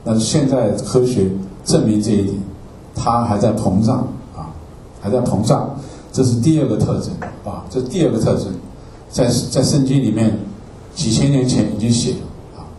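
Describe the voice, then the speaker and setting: Man, Bible class lecture, dark mellow voice, repetitive, explanatory, checks in with the class, distant mic, echoey room, faint background ambience. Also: mid-range voice, moderate pace, slight background noise. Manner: repetitive, explanatory, ends phrases with "ah" and asks "okay?". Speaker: Bible teacher.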